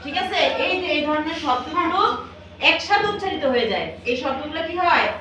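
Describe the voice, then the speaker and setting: Female teacher, higher voice, drills a class with call-and-response; echoey room, distant mic, noisy. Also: animated, brisk. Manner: repetitive, drills pupils with questions.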